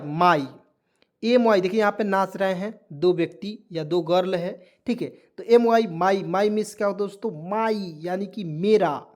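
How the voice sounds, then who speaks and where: A man's voice: high voice, darkish tone. A man teaching English vocabulary. He keeps asking his viewers what each word means and then repeats the answer. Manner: drills words, repeats questions to viewers. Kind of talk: lesson.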